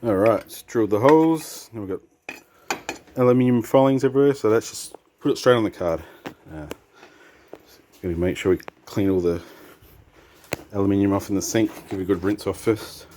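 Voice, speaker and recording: A man's voice: lowish voice, a little fast, long pauses, dark tone, a little hiss or hum. A man with an Australian accent giving casual hands-on workshop commentary like a laid-back tradesman, muttering to himself as he works. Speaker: vlogger doing a DIY hardware modification. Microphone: handheld camera.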